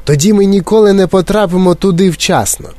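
Male narrator doing an excitable, eccentric candy maker, insistent and exclaiming, pitched up a bit, storybook. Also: brisk, dry recording, natural voice. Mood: eager. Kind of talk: audiobook character voice.

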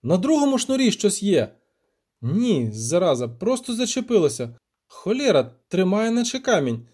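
Dandelion, a man voicing a boastful loud bard. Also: high voice, sing-song, moderate pace, breathy edge, voice pushed up, heavily acted. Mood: excited. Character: boastful excitable male poet bard. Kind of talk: audiobook character voice.

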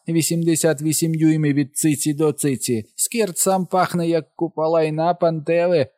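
A man doing a boy's shrill mangled drawl. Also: dry recording, studio quality, natural voice. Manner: loud, drawling, mangled broken speech. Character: joking boy mimicking a servile southern dialect.

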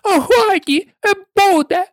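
A woman voicing a furious, tyrannical female queen with a piercing, shrill voice, barking orders in an audiobook. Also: wildly swooping pitch, normal speed, no echo, clean studio sound. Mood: commanding. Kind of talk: audiobook character voice.

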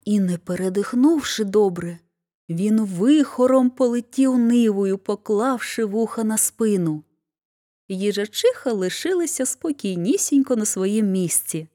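A woman reads a fairy tale aloud, taking her time over each phrase. Her voice moves expressively up and down as the story unfolds. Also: mid-range voice. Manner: expressive, unhurried narration. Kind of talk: storybook reading.

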